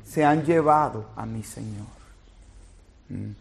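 A man preaching a sermon, climbing to loud emphatic peaks and sinking low and soft, restarting phrases as he goes. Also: takes it slowly, vocal fry, husky. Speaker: pastor.

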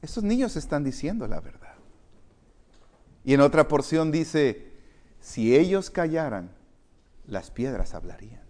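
Male pastor, slightly high voice, slow deliberate sermon delivery, dynamic swings in volume. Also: big pitch swings. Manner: preaching with wide swings in loudness, rising to emphatic calls; addresses congregation directly, restarts words.

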